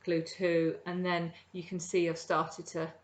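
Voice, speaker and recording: Speaking from her kitchen at home, this middle-aged crafting podcaster rambles casually through her projects, dropping plenty of ums as she shows them off. She has a lowish, monotone voice and an unhurried pace.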